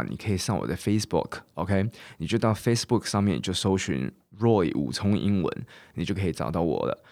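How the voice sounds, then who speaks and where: A man hosting a podcast English lesson, chatty and casual, drilling words slowly and often asking "OK?". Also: low voice, a little mellow, no room sound. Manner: casual, chatty teaching in Mandarin mixed with English. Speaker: English teacher and podcast host.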